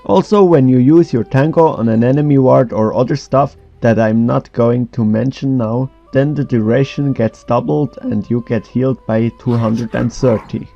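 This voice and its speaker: A man delivers scripted explainer narration in a dark, mellow voice with a gravelly creak. The recording is dull and lo-fi, with faint music underneath. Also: mid-range voice, normal speed, few pauses. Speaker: documentary narrator.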